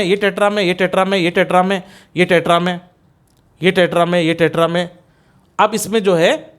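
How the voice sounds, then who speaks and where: High-voiced Indian man drilling exam points. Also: fairly bright tone. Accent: Hindi-speaking Indian. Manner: counts lines aloud and repeats points for drilling. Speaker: English literature teacher. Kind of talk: exam-prep lecture in Hindi mixed with English.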